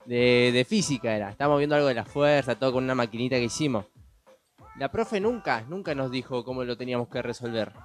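A man's voice: medium pitch, fast talker. A man telling a story on a podcast in a rambling way, full of restarts and "viste". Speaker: podcast co-host. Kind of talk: casual storytelling.

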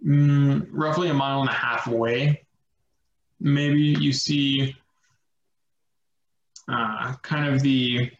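A man narrating as game master of a tabletop game, slow and halting with many fillers. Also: medium pitch, fairly even intonation, echoey room, dull audio, slight background noise.

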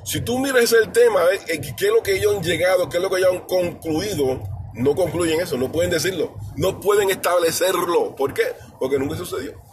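New york guy ranting his opinion, kinda high voice, blunt and repetitive, faint car noise behind. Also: fairly quick. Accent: New York Spanish speaker. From New York, USA. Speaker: political commentator. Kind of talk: casual monologue commentary.

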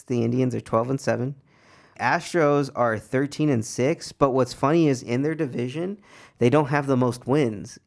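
A man's voice: mid-range voice, gravelly, darkish tone. A young American man chatting casually about sports as a podcast co-host, in a slangy, laid-back frat-bro manner.

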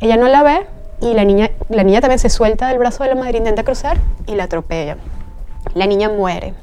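On the high side and fairly quick, with a dark tone, this Venezuelan train driver recounts her life as an interview guest while slight background noise hums behind her. She is sincere and reflective, sometimes groping for words.

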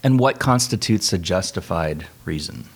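Male pastor-host, low voice, measured and thoughtful, casual chat. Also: lively intonation, breathy edge. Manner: measured, thoughtful, frequent restarts. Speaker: pastor and theologian, podcast host. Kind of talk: casual conversational podcast.

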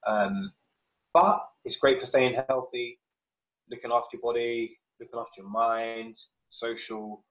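A man guesting on a fitness podcast, a personal trainer, chats casually and explains things informally. His voice is medium-pitched with fairly even intonation and a measured pace, captured in narrow, tinny audio.

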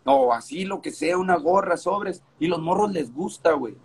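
A man's voice: high voice, moderate pace, breathy edge. A man with a northern Mexican accent chatting casually in an interview, full of street slang and swearing, repeating phrases for emphasis. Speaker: skateboarding event organizer.

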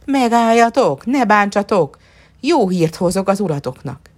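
A woman's voice: medium pitch, big pitch swings, pitched above the performer's own voice. A woman voicing a poor, cunning peasant man who talks in a sly, easygoing way. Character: poor cunning male peasant, cheeky and calm.

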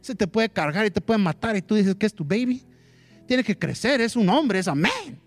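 A male pastor gives an animated sermon, switching into English phrases and acting out what people say. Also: high-pitched, normal speed. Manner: mixes Spanish with English phrases; animated preaching that acts out quotes.

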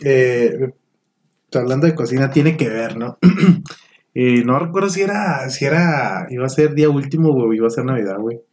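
A man's voice: medium pitch, animated, moderate pace, a little mellow. A young man with a Mexican accent telling a party story in slangy casual chat, saying "güey" often. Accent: Mexican Spanish. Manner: slangy, says "güey" constantly. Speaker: podcast guest.

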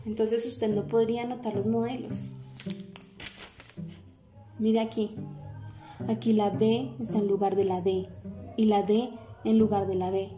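A woman playing a caring teacher in a dubbed film, explaining slowly and earnestly over background music. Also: mid-range voice, little pitch movement, natural voice. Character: patient caring female teacher, adult.

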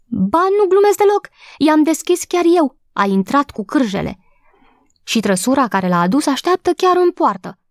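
A woman voicing an excitable young housemaid who is gossipy, breathless and quick to take offense, in an audiobook reading. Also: on the high side, no echo, clean studio sound. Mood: excited. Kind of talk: audiobook character voice.

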